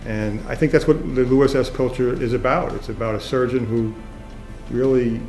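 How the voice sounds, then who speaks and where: A man's voice: mid-range voice, fairly even intonation, normal speed. A man giving emphatic praise of a colleague in an interview. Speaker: hospital leader. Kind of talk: tribute interview. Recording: roomy echo. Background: soft background music.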